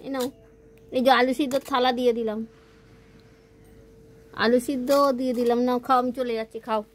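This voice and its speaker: A woman's voice: on the high side, little pitch movement, a little fast, a little hiss or hum. A woman filming her pet cat at home, coaxing it to eat in cooing baby talk. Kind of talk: casual home video.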